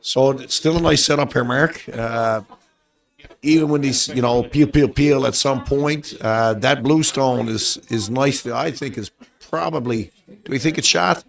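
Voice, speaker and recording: Man, gravelly, curling commentator, relaxed and chatty. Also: medium pitch, unhurried. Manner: relaxed, chatty, many fillers. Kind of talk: sports commentary.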